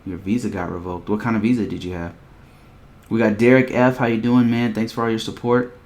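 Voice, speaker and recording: A man with a somewhat low voice hosts a casual live stream. He talks in a loose, rambling way, full of fillers and repeated phrases. He speaks straight to his viewers as he tells a story and hands out blunt advice. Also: fairly even intonation, a little fast, a little mellow.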